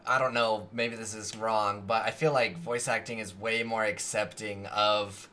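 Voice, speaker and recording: A man's voice: fairly low pitch, flat delivery, unhurried, sharp tone. A man hosting a podcast, chatting casually and musing in a tentative way. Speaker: podcast host.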